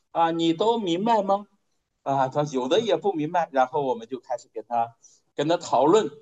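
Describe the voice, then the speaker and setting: Folksy, slightly high-voiced male preacher. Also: a little mellow, muffled recording. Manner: repeats phrases for emphasis, folksy and conversational. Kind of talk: storytelling sermon.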